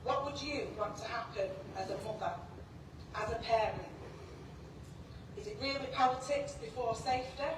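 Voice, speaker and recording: Brief: woman councillor questioning, distant mic, roomy hall, loud background noise. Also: a little high, normal speed, long pauses. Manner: pointed rhetorical questions. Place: council chamber. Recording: echoey chamber, far from mic, loud noise.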